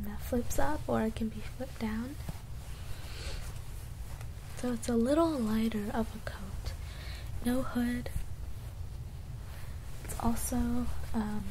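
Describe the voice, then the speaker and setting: A woman doing an ASMR role-play as a personal shopper, gently presenting clothes to a client in a soft, breathy voice. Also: a little high, background noise. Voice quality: soft, breathy, often soft-spoken.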